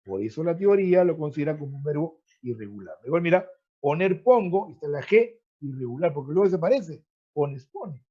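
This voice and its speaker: Male online tutor, slightly high, keeps checking the class understands, muffled call audio. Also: expressive, a little fast, breathy edge. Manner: explanatory, checks in with frequent "¿ya?" and "¿no?"; repeats words while searching. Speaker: teacher. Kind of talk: online pre-university grammar class. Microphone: video call. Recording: dull lo-fi video call audio.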